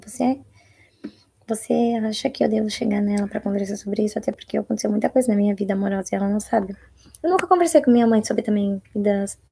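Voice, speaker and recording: Chatty husky Brazilian young woman. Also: on the high side. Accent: Brazilian Portuguese. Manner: chatty, reads viewer comments aloud, drops to a hushed voice for private topics. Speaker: live-stream host answering viewer questions. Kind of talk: casual live Q&A chat.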